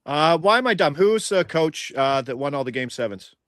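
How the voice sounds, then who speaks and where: Young male host, feisty and combative, rattles off stats, slightly high voice, dry close sound. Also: expressive, a bit bright, no room sound. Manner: feisty, argumentative, rapid-fire stats. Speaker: sports betting host. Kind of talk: casual sports betting chat.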